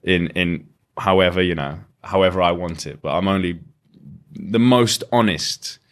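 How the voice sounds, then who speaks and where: Deep-voiced man, thoughtful and unhurried. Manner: thoughtful, explains at length with frequent restarts. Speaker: podcast guest, lyricist. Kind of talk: reflective conversational interview.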